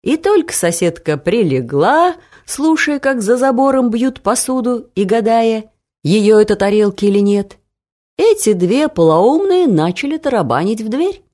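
A woman narrating a humorous family story for an audiobook, expressive and lively. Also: fairly high pitch, a little slow.

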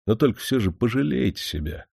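A man voicing an older, devoted steward who pleads softly with his master. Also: mid-range voice, animated, brisk, vocal fry, breathy edge, dry recording, clean studio sound, pitched above the performer's own voice. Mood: pleading. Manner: soft, pleading.

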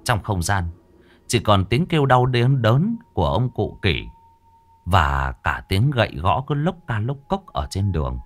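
A man narrating a Vietnamese village ghost story in a vivid, expressive storytelling manner. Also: lowish voice, unhurried.

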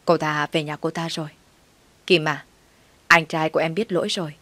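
A cold, curt young husband in a spoken story who scolds and shuts others down, read by a woman. The voice sits low and sounds close and dry. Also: steady tone, moderate pace, sharp tone, dry recording. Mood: pleading.

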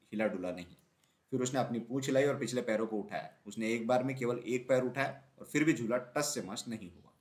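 A man narrating a children's story in Hindi in a steady, clear storytelling voice. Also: medium pitch.

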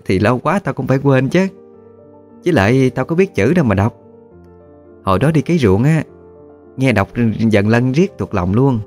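A man's voice: medium pitch, expressive, normal speed, long pauses, darkish tone, faint music behind, voice pushed up, lightly acted. A man voicing an old grandmother ghost, blunt and scolding. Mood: grumbling. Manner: blunt, scolding rustic talk.

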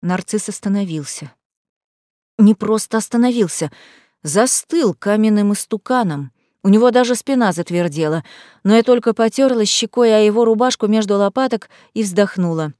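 An audiobook narrator reads a fantasy novel aloud in first person, lively and expressive. Her medium-pitched voice moves at a moderate pace in a dry, studio-quality recording.

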